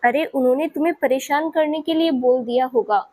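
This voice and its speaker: A woman's voice: high-pitched, brisk, a little mellow, natural voice. A woman voicing a caring household auntie comforting a child in a spoken story. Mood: soothing. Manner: soothing, affectionate.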